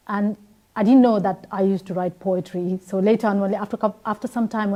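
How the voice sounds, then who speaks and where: A woman from Nepal, in her thirties, answers questions as a guest on a TV interview. Her voice is mellow and warm, and she pauses often with fillers and restarts mid-sentence. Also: mid-range voice. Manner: hesitant, many fillers and restarts.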